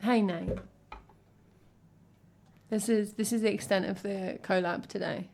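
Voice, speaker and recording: A woman's voice: medium pitch, fairly even intonation, measured pace, creaky, darkish tone, a little hiss or hum. An English woman, a singer-songwriter, chatting casually with her stream audience between songs in a playful, self-mocking way. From England. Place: at home. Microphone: headphones with cable.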